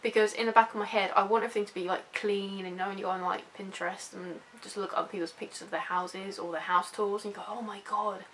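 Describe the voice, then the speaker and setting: Fast and with few pauses, a young British vlogger chats casually to camera in a steady, medium-pitched, slightly bright voice, rambling and self-deprecating. The rough recording has slight background noise.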